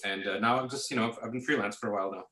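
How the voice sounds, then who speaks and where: Male guest, 30s, from Pakistan: easygoing and rambling, bright tone, echoey call audio. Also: on the low side, racing. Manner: relaxed, full of fillers like "uh" and "you know". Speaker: guest, visual effects artist. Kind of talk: casual interview answers.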